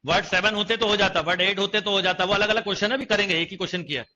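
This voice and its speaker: A young man lectures a maths class in a high, very bright voice, constantly checking that the students follow. The recording is dull and lo-fi, like a streamed coaching session. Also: racing, slight background noise. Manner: questioning students, repeating phrases. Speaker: maths teacher.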